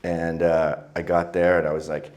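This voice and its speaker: Low-voiced crude joking man. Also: monotone, normal speed, darkish tone. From Canada. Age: middle-aged. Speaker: guest. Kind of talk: casual interview storytelling.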